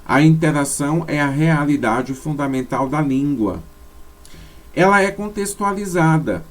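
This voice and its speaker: Fairly high-voiced man teaching over slides. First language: Portuguese. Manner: explanatory, with frequent tag questions and self-corrections. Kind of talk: spoken lecture over slides.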